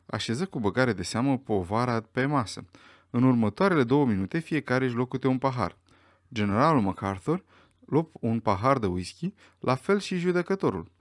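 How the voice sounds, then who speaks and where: A man narrating a mystery audiobook in an expressive, dramatic way. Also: medium pitch, no echo, studio quality.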